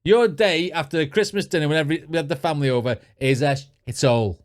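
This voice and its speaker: A man's voice: a little high, fast talker, noisy background. A man hosting a reaction video, laughing and swearing bluntly as he comments.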